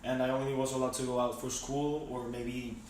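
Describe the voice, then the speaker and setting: A teenage boy from Venezuela answers questions haltingly, filling pauses and restarting his sentences. He sits at some distance from the mic in a very echoey room. His pitch is mid for a young man. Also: flat delivery, darkish tone, slight background noise. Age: teens. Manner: hesitant, many fillers and restarts. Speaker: interviewee. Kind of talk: casual interview answers.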